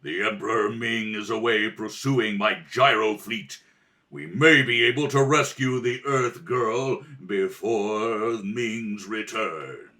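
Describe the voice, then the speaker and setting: A man's voice: on the low side, slow pace, sharp tone, pitched below the performer's own voice. A man voicing a proud, noble warrior prince in a radio space serial, with formal, archaic speech. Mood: stately, friendly. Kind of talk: old-time adventure radio serial acting.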